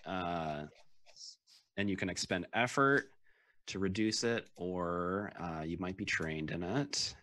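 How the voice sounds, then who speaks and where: A man acting as game master, explaining rules and narrating the action in a casual, halting way. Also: low-pitched, sharp tone.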